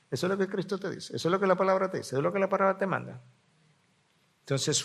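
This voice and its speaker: A middle-aged man preaching as a pastor in a Bible class, emphatic, repeating words for stress and reading Scripture aloud. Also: a little high.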